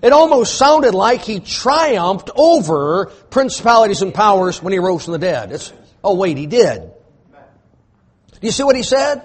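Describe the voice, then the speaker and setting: Male preacher, high voice, fervent sermon delivery that swells to shouting. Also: big pitch swings, a little slow, slightly rough. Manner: emphatic, rising to shouts, repetitive preaching cadence.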